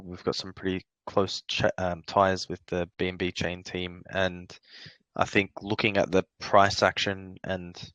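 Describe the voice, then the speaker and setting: A man hosting an AMA interview, casual and agreeable, asking questions with quick affirmations. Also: low-pitched, a bit bright, no room sound. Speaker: interview host.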